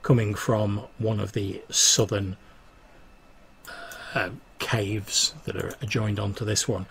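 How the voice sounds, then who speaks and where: A man acting as game master, narrating a tabletop game in a halting, improvised way. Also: fairly low pitch, level tone, creaky, fairly bright tone, slight background noise.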